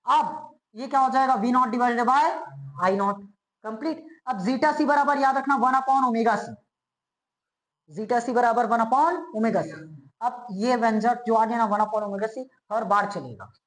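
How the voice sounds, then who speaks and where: A male physics teacher with a very high-pitched, somewhat bright voice gives a classroom lecture, repeatedly posing quick checking questions and answering them himself while slowly repeating key terms. The recording has a roomy echo, like a bare classroom.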